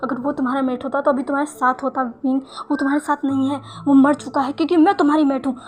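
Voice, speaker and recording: A woman's voice: sits high, level tone, fast, natural voice. A woman voicing a desperate, clinging young woman who begs for love, in a read-aloud fan story. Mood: insistent.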